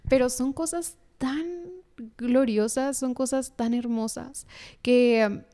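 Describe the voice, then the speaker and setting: A young woman from Mexico, a podcast guest, sharing a personal faith testimony in a casual, earnest and animated way. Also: a little high, slow, clear, resonant tone. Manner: earnest, animated storytelling with laughs.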